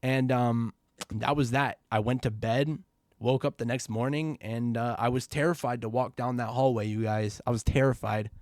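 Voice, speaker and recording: A young man tells a spooky childhood story straight to his viewers, loose and slangy, dropping bro and you guys between lines. His voice sits at an ordinary middle pitch. The sound is dry and close, with no room around it. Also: moderate pace, no room sound. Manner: quiet and low at first, grows loud and excited. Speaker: vlogger telling a story. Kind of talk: casual storytime.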